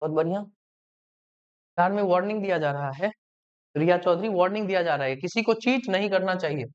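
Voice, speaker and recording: High, smooth-voiced male teacher. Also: fairly quick, muffled recording. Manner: keeps asking the class questions and checking understanding. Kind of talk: online grammar lesson.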